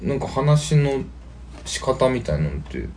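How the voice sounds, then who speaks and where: A man's voice: medium pitch, very animated, a little slow, darkish tone, a little hiss or hum. A man with a Kansai accent in casual podcast chat, talking bluntly and grumbling. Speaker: podcast co-host.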